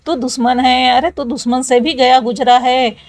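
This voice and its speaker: A woman's voice: high voice, fairly even intonation, moderate pace, close to an everyday voice. A woman voicing a sore, whiny young male college student who complains and scolds his friend. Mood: aggrieved.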